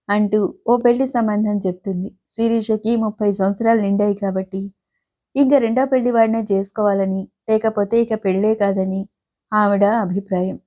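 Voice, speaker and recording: A woman reads a serialized novel aloud as an audiobook. Her voice is mellow and warm, and her telling is calm and even. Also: mid-range voice. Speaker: storyteller.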